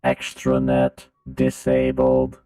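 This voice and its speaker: A man's voice: a bass voice, completely flat delivery, takes it slowly, mellow, faint music behind. A man voicing a malfunctioning robot drone, a glitching machine that keeps repeating error messages in a tabletop game.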